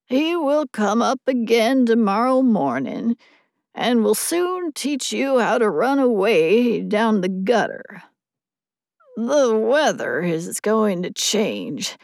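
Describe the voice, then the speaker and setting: Woman reader doing a hoarse old male dog: slow, gruff, lecturing the young. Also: fairly high pitch, sing-song, darkish tone, no echo, studio quality, heavily acted.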